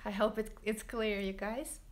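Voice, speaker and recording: A woman teaching French in a livestream, drilling verb forms slowly and switching into English to explain. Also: mid-range voice, steady tone, a little hiss or hum. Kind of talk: livestreamed language lesson. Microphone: phone livestream.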